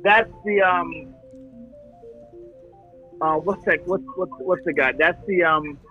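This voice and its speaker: A man's voice: sits high, takes it slowly, lo-fi sound, soft background music. A man playing along as a game show contestant, eagerly blurting out guesses. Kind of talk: casual game show banter.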